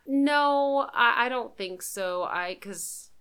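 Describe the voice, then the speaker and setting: A woman's voice: fairly high pitch, expressive, slow, a bit bright, clear, resonant tone. A woman co-hosting a podcast in casual chat, talkative, laughing often and trailing off mid-sentence. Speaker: podcast co-host.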